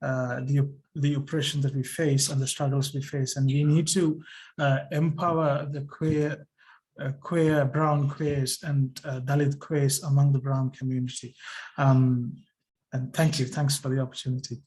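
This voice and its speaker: A man speaking at an online panel in an earnest, halting way with many fillers. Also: medium pitch, flat delivery, a little mellow, poor audio. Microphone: video call.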